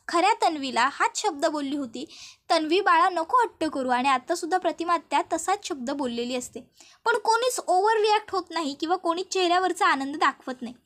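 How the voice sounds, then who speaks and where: A woman with a very high voice tells the events of a TV serial episode as a story. She explains each scene in a steady, explanatory way and speaks directly to her listeners. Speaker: TV serial recap narrator.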